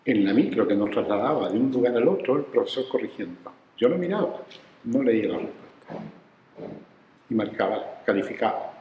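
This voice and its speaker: A man's voice: medium pitch, normal speed, roomy sound, long reverb tail, muffled recording, slight background noise. A man, telling his research stories in an interview and acting out the people he quotes. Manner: animated storyteller who acts out quoted voices. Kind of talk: reflective storytelling interview.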